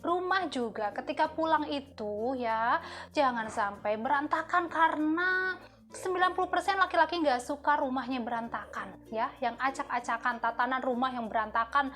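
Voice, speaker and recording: A woman's voice: high voice, normal speed, fairly bright tone. A woman hosting a casual advice talk for wives, chatty and often checking in with her listeners. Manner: chatty, keeps tagging "ya kan?". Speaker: host giving marriage advice to wives.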